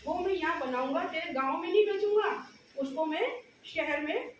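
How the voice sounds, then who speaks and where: A woman's voice: very high-pitched, moderate pace. A woman voicing a boastful rich businessman who talks down to others, in a story told aloud in an echoey room. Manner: scornful, showing off. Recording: echoey room from far off, noisy.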